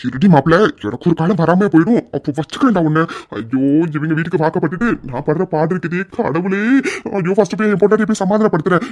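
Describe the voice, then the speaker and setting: A fairly high, quick male voice, a flustered young husband who keeps groaning at his troubles, as a man voices him for a cartoon. He whines and frets, rushing his words. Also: a little mellow, lightly acted. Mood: exasperated. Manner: flustered, whining exclamations. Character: harried young husband, fearful of his wife. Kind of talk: cartoon dubbing.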